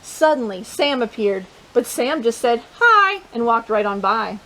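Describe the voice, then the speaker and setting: Reading a picture book to young kids, a storytime host brings lots of playful energy and chats with her little audience between pages. Her voice is on the high side at a normal speed, and the recording is rough.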